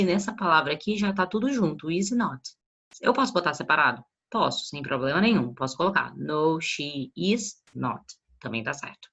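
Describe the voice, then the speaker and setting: A woman's voice: low voice, a bit bright, husky, muffled recording. A woman teacher with a Brazilian Portuguese accent explaining an English grammar lesson in a casual way, often checking that her students follow. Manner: checks understanding with frequent tag questions.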